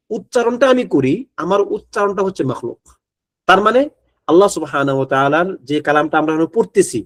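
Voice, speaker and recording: A man teaching an Islamic studies class, reading Arabic text aloud and then explaining it step by step in a conversational way. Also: fairly high pitch. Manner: conversational, checks in with listeners.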